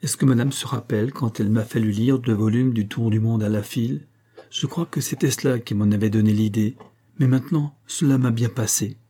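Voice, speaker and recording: A man's voice: medium pitch, steady tone, a little fast, dark tone, slightly rough, natural voice. A man voicing a devoted orphan boy servant who speaks humbly and close to tears, in a read-aloud novel. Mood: humble, sad. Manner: humble, pleading.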